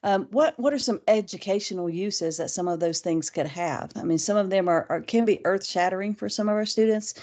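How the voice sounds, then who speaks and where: A woman's voice: medium pitch, brisk, hardly any pauses, a little mellow. A woman presenting an online training webinar for teachers, talking in an easygoing way and thinking aloud with frequent restarts. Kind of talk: conversational online training talk.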